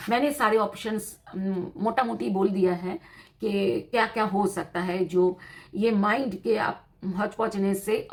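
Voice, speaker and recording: A woman giving a tarot reading to her viewers in a teacherly, explanatory way, repeating her points and mixing in English terms. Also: medium pitch. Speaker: tarot reader.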